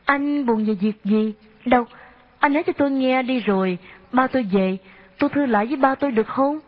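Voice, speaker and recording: Earnest young woman voiced by a female reader, soft pleading questions, higher voice, muffled lo-fi audio. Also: brisk. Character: young woman, gentle but earnest and worried. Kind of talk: audiobook character reading. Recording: dull lo-fi audio.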